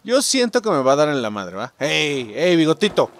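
Excitable, swearing Mexican man gaming. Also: on the high side, moderate pace, a little hiss or hum. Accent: Mexican Spanish. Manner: excitable, swearing, yelps and shouts at scares. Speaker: gaming YouTuber. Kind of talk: let's-play commentary.

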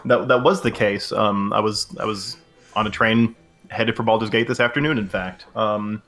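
A man's voice: lowish voice, fairly even intonation, normal speed, a bit bright. A man playing a dignified snake-folk merchant in his own voice, with stiff, formal phrasing and stammered restarts.

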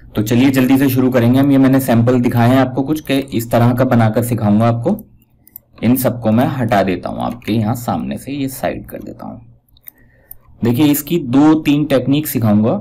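Mellow-voiced man explaining software steps. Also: medium pitch, poor audio. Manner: talks step by step, repeats "dekhiye" while pointing things out. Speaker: software tutorial instructor. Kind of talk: casual screen-recorded tutorial.

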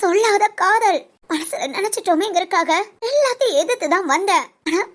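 A woman brings to life a hurt, unmarried older woman in a storybook drama, her voice pitched very high. She talks sharply and defensively, pushing away anyone who comes close. Underneath the sharpness there is a proud, wounded pride. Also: expressive, a little fast. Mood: indignant. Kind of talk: audio story role-play.

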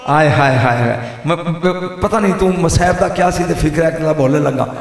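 A man with a Punjabi accent preaching an emotional sermon, moving from hushed storytelling to high wailing shouts and calling out to his listeners. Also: normal speed, vocal fry. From Pakistani Punjab. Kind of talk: impassioned religious sermon. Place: large gathering before a crowd. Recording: booming echo of a big hall.

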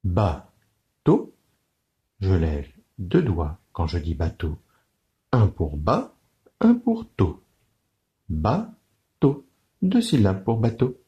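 A man giving a children's lesson on counting syllables, speaking slowly and clearly in a sing-song teacher's manner. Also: low-pitched, wildly swooping pitch, highs cut off.

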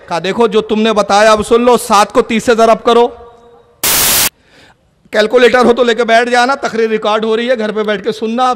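High-pitched preacher in a booming hall. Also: male voice. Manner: storytelling preacher acting out dialogue, rising to shouts. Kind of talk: sermon. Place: public religious gathering. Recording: long reverb of a large hall.

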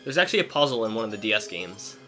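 A man's voice: fairly low pitch, big pitch swings, racing, pushed and bright, soft background music. A man co-hosting a let's play, chatting casually and jokily while he plays, rambling with lots of "like"s. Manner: jokey, chatty, rambling with many "like"s. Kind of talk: casual gameplay chat.

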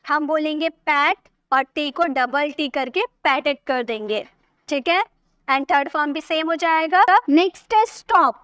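A woman teaching an English grammar lesson, patiently repeating words slowly and breaking them into syllables. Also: high voice, fairly bright tone, no echo.

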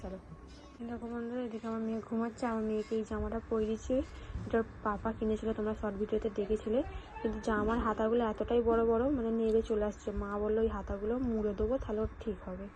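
A young woman with a cold and a sore throat, chatting softly to her viewers at home as a family vlogger. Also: a little high, flat delivery, quick pace. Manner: soft-spoken, talking quietly while her baby sleeps. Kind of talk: casual chat to viewers. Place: at home indoors. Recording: noisy home recording.

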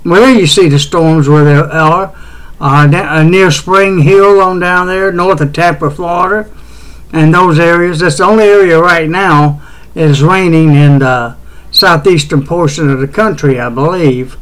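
An amateur weather show host from West Tennessee, speaking with a Southern accent, rambles through a casual home weather broadcast. His voice is fairly high and a bit bright, and he halts often, restarting, filling gaps with "uh," and chuckling frequently. The recording quality is low.

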